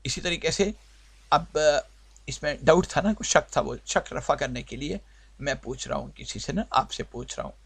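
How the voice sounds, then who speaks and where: A man's voice: a little high, expressive, moderate pace, creaky, breathy edge, dry recording. A man teaching a spoken English lesson, explaining patiently and answering his own questions. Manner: explains patiently, repeating points and asking himself questions.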